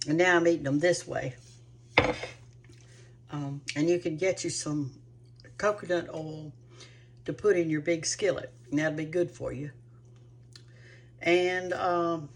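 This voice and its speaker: A woman hosting a cooking show, chatting to viewers in a rambling, homespun way. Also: on the low side. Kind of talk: casual chat to viewers.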